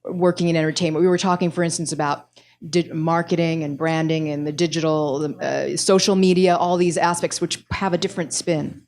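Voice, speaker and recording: A woman's voice: lowish voice, a little mellow. A woman in her fifties moderating a panel, searching for words and passing questions to others. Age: 50s. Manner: searching, restarts, hands off questions. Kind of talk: panel discussion.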